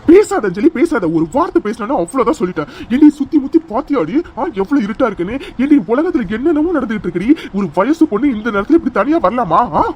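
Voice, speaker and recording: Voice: medium pitch, darkish tone, a little hiss or hum, natural voice. Someone voicing a stern scolding cartoon young man. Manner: scolding, rapid-fire questions. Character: protective young man, stern older-brother type.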